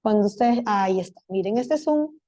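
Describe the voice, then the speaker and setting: A woman's voice: mid-range voice, animated, fairly quick, mellow. Woman giving a teaching lecture. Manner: engages audience with frequent rhetorical questions; talks teachers through steps. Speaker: lecturer on learning difficulties. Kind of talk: conference lecture.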